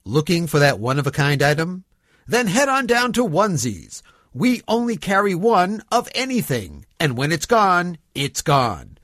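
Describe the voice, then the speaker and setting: A man's voice: fairly high pitch, very animated, a little slow, fairly bright tone, dry recording, studio quality, heavily acted. A man playing an upbeat shop announcer in a scripted comic radio advert. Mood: upbeat salesman.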